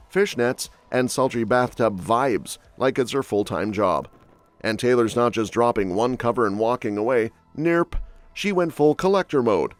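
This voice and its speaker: A man reading scripted entertainment gossip narration with a snarky, quip-heavy delivery. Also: medium pitch. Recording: dry voice-over with soft music bed.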